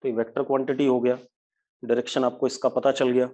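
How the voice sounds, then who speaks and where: A man teaching physics in a live online class, talking briskly in a mix of Hindi and English terms and scolding students by name. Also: mid-range voice, flat delivery, dark tone.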